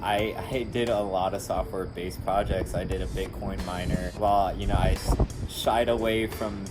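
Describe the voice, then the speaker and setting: A young adult engineer from Houston, Texas, a recent graduate, talks earnestly to the camera from an outdoor rooftop about his studies and career. His voice is low and steady at a moderate pace, and it's conversational with small restarts, heard over loud music.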